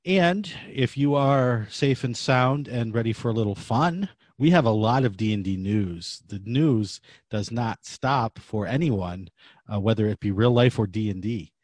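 A man's voice: medium pitch, animated, measured pace, darkish tone, no room sound. A man hosting a podcast in casual conversational talk. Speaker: podcast host.

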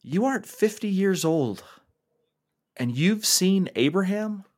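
Man reading as indignant ancient temple teachers, raised and challenging, a bit higher. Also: lively intonation, slow, a little mellow, exaggerated voice. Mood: incredulous.

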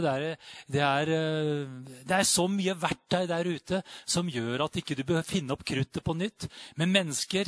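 A man preaching a charismatic sermon, fervent and full of amens and hallelujahs, rising to loud exclamations and dropping to quiet reflection. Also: fairly high pitch, dry recording, clean studio sound. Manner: peppers speech with amen and hallelujah.

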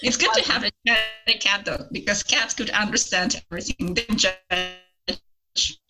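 A woman's voice: medium pitch, lively intonation, normal speed, sharp tone, faint music behind, poor audio. A woman with a Russian accent, chatting casually as a guest on a podcast. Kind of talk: casual chat.

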